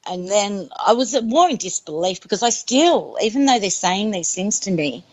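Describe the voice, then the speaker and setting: A woman's voice: medium pitch, lively intonation, moderate pace, poor audio. A woman giving an earnest, emphatic personal testimony in an interview. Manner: earnest, emphatic, repeats herself. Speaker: interviewee recounting a near-death experience.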